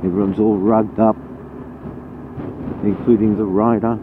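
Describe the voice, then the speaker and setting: A man's voice: fairly low pitch, little pitch movement, measured pace. An Australian man giving a casual, rambling, blunt running commentary, his voice muffled inside a helmet as he rides a motorcycle. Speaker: motorcycle vlogger. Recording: muffled narrow-band helmet audio, loud road noise. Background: loud engine, wind and road noise.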